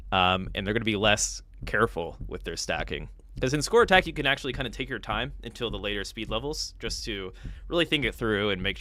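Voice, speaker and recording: A man's voice: on the low side, pushed and bright, slight background noise. A man hosting a live stream, casually commentating game matches and chatting with players, thinking aloud with fillers. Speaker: stream host and match caster.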